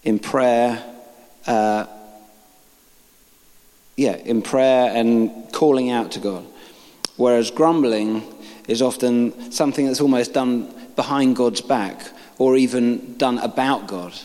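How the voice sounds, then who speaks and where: A man's voice: mid-range voice, slow pace, mellow. A man giving an informal sermon, reading scripture aloud and making joking asides to the congregation. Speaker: preacher. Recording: long reverb of a large hall.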